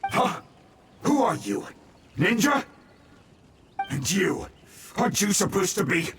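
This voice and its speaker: A man voicing a menacing, blustering bandit in a game, shouting threats and mocking. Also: high-pitched, sing-song, slow pace, reverberant, far from the mic, slight background noise, heavily acted. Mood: threatening. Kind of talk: game voice acting.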